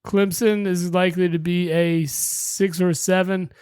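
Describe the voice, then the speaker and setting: Man, podcast co-host, high voice, dry sound, brash, rattles off predictions. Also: flat delivery, unhurried, a little mellow, smooth, no room sound. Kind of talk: casual sports chat.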